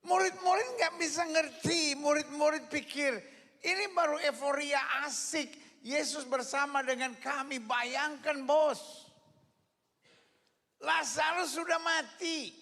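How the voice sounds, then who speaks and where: Man, pastor, very high and ringing voice, shouting sermon, live in a large reverberant church. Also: slow pace. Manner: preaching with shouted repetitions and crowd call-and-response. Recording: long reverb of a large hall.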